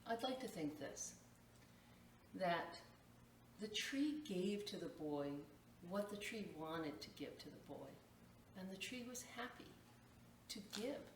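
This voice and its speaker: At library storytime, a woman reads a picture book to children and explains it in simple phrases. Her medium-pitched voice is animated, slow, and full of long pauses. The echoey room is picked up by a distant mic with faint noise.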